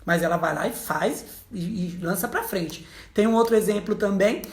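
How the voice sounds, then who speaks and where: A Brazilian woman, a psychologist, explaining casually to viewers as a lively storyteller who acts out the people she quotes. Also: medium pitch, normal speed, roomy sound.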